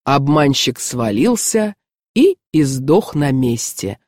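A woman reads an old folk tale for radio in a low, richly varied voice. She tells it slowly and expressively. The sound is dry and close. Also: no echo. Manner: expressive storytelling. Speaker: narrator.

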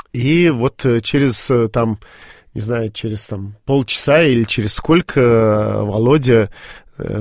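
A man's voice: mid-range voice, no echo. Guy telling his story in an interview, stops and restarts a lot, dry close sound. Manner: halting, many fillers and restarts. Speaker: interview guest.

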